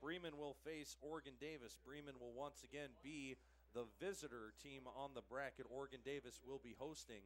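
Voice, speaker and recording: A young man announcing a high school basketball broadcast from a school gym, delivering polished sign-offs and score recaps with occasional self-corrections. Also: steady tone, fairly quick. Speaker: play-by-play announcer. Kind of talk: local sports broadcast commentary. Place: school gymnasium broadcast table.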